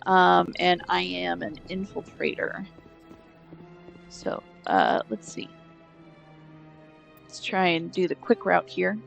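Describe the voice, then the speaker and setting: Slow-talking, creaky-voiced woman streamer. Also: fairly low pitch, fairly even intonation, dull audio, faint music behind. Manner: hesitant, rambling, trailing off mid-thought. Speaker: game streamer, host. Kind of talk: casual live-stream gaming chat.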